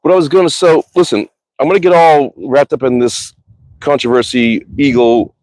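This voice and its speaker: A man's voice: mid-range voice, moderate pace, darkish tone, no echo. A man livestreaming outdoors about his bows, talking casually, rambling and swearing freely as he reads viewer comments. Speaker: archery livestreamer. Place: outdoors in a cold, windy backyard.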